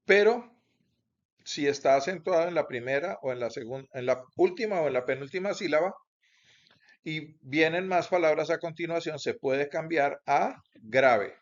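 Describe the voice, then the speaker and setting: A man teaching Bible Greek in a recorded lecture, explaining slowly and deliberately with pauses and self-corrections. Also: a little high. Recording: dull lo-fi recording.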